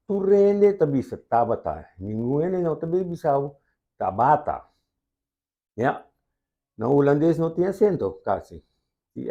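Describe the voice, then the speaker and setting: A man's voice: mid-range voice, dark tone, muffled recording. A man with a Curaçaoan accent, a language expert patiently explaining spelling rules step by step in an interview.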